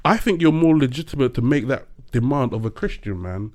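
A man co-hosting a casual chat, animated, laughing often, pressing his points with a preacher's emphasis. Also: medium pitch, a little fast.

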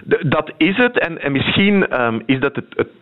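A man's voice: fairly high pitch, very animated. Een Vlaamse man die als politiek verslaggever bedachtzaam en uitleggerig spreekt, met aarzelingen. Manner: measured, explanatory, hesitant fillers. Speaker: political correspondent. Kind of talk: radio interview. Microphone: phone. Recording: tinny phone line.

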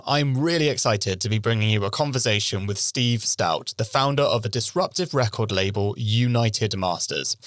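A man's voice: mid-range voice, a bit bright, dry recording, studio quality. A man hosting a podcast, presenting and asking questions. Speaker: podcast host. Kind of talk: scripted podcast introduction and interviewing.

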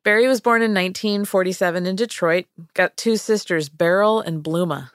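A woman's voice: medium pitch, a little fast, clear, resonant tone, no echo, studio quality. A woman hosting a podcast, telling a story in a playful, chatty and joking casual manner. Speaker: podcast host.

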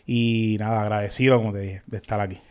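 Smooth, mellow Puerto Rican voice-over man. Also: lowish voice, fast talker. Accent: Puerto Rican Spanish. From Puerto Rico. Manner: relaxed, friendly, uses "mano". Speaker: voice-over artist and sound engineer. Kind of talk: casual interview talk.

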